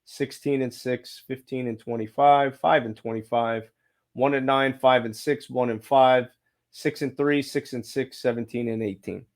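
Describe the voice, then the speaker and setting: A man interviewing in a casual, low-key way, reading things out and careful to stay neutral. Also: fairly even intonation, measured pace. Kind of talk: casual chat, reading out records.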